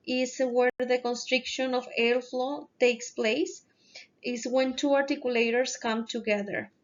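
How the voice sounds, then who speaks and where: A woman narrates a lesson over slides, taking her time and often stopping to hesitate. Her voice sits fairly high, and she speaks very slowly. The recording sounds dull and lo-fi. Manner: slow, careful explanation with frequent hesitations. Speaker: presenter explaining phonetics.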